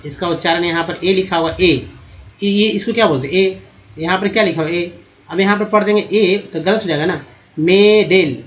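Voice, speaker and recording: Male teacher, slightly high voice, patient step-by-step pronunciation drills. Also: a bit bright. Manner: repetitive, explains step by step, addresses viewers as friends. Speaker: English teacher. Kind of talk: spoken pronunciation lesson.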